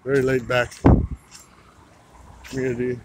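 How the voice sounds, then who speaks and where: A medium-pitched, monotone voice belongs to an Idaho man vlogging a walk along a town roadside. Filming on his phone, he offers relaxed, chatty commentary at an unhurried pace, with vehicles passing, street ambience and clear traffic noise around him.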